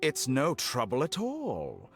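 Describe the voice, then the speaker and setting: An actor playing a smug, sadistic mad scientist in a video game, mocking and theatrical with a polite menace. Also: male voice, medium pitch, wildly swooping pitch, slow, heavily acted. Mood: gloating, mocking.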